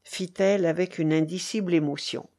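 A woman narrating a classic novel aloud in a measured, expressive storytelling style. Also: lowish voice. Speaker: audiobook narrator.

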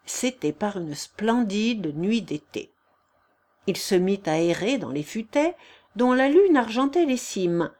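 A woman narrating a classic novel aloud in a measured, expressive storytelling voice. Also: medium pitch. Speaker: audiobook narrator.

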